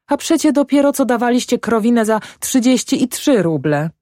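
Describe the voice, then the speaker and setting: A woman reading an audiobook and voicing a sharp, scolding peasant wife in a high, shrill voice. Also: lively intonation, normal speed, dry recording, clean studio sound, lightly acted.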